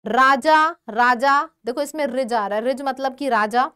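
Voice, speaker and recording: High-voiced Indian woman teaching vocabulary. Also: clean tone. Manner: explains slowly, repeats words, quizzes the viewer. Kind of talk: exam-prep vocabulary lesson.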